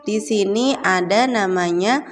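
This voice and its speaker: A woman's voice: medium pitch, measured pace. A young woman teacher explaining a lesson to young pupils, patient, often asking them questions and then answering herself. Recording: very echoey room with faint background noise.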